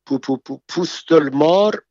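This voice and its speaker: A man's voice: a little high, a little mellow, no room sound, muffled recording, natural voice. Man doing a squeamish Persian man in broken Arabic. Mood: whining. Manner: complains in slow, halting broken Arabic.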